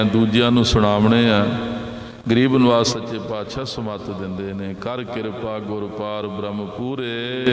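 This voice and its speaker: Preacher chanting verses in an echoey hall. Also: male voice, medium pitch. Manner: repetitive, exhorting, sings scripture lines slowly. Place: large hall with congregation.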